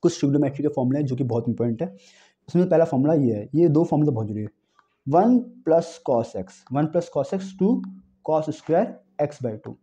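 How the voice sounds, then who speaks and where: Animated man teaching math. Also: on the high side, moderate pace. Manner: animated, repeats key phrases, addresses students as bhai. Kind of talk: exam-prep math lecture.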